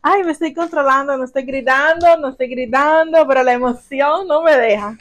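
A woman's voice: sits high, fairly quick. A young Cuban woman with a Cuban accent vlogging at home as she unboxes gifts, gushing and exclaiming as she keeps calling her viewers family. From Cuba. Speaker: vlogger, mother. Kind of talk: casual unboxing vlog.

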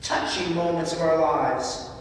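A man delivers a sermon built on personal stories, his voice sitting fairly high for a man. He sounds distant from the microphone, with a long, roomy church echo and faint noise behind him. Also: fairly even intonation, measured pace. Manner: personal storytelling, emotional at times. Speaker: homilist. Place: large church. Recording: echoey church hall from far off.

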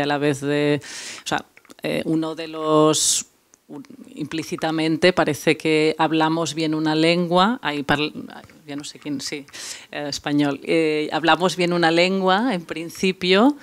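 A man as art lecturer, slightly higher voice, thinking aloud with restarts. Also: clean tone. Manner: hesitant, many restarts and tag questions.

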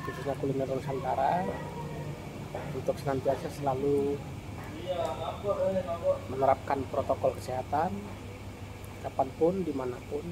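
This middle-aged Indonesian man does a relaxed food review vlog from an open-air cafe in the evening, talking to his audience like a friend and calling them "brother." He speaks at medium pitch and a moderate pace, with a flat delivery and frequent pauses. Cafe noise fills the phone recording.

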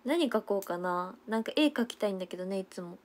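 A woman's voice: medium pitch, lively intonation, quick pace. A young woman, chatting casually and giggling on a livestream, reading out viewer comments. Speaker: idol livestreamer.

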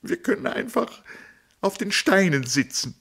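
A man's voice: big pitch swings, moderate pace, a bit bright, breathy edge. A man reading a novel aloud, voicing a desperate middle-aged woman who pleads and sobs. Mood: tearful lament. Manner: pleading, sobbing, rising to high breaks.

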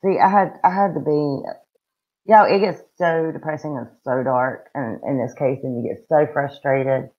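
Over a webcam from a room at home, a middle-aged woman with a Southern US accent co-hosts a true-crime livestream, chatting bluntly with folksy slang. Her voice sits low with fairly even intonation at a moderate pace. The video call audio is dull and lo-fi.

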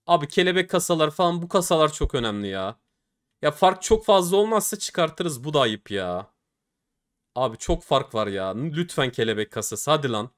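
A man's voice: mid-range voice, fairly bright tone. A young man commenting casually on opening game cases, often pleading and groaning at the results. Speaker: case-opening streamer.

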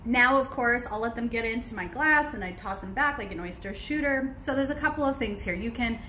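A woman's voice: fairly high pitch, lively intonation, fairly quick, bright, forceful tone, roomy sound, a little hiss or hum, low-quality recording. A woman in her forties, sitting indoors, teaching kombucha brewing in a chatty, explanatory way with many fillers, recorded on a phone at arm's length. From United States. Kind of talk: casual livestream teaching. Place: indoors on a couch by large windows. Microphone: phone camera at arm's length.

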